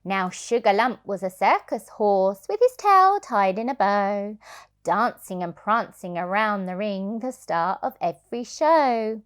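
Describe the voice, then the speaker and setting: A childminder, a woman, reads a children's storybook aloud in an expressive, sing-song manner. Her voice is medium in pitch and clean in tone, and she goes a little slowly.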